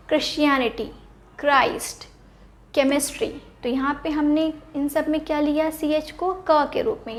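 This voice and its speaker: A woman with a high, darkish voice teaches an English spelling and pronunciation lesson in Hindi mixed with English words. She goes step by step, asking questions and then answering them herself.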